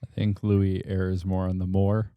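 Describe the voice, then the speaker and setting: A man hosting a family podcast, asking questions in a relaxed way with teasing, joking asides. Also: deep voice, a little slow, clean tone, no echo, muffled recording. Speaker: podcast host. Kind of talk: casual family podcast interviewing.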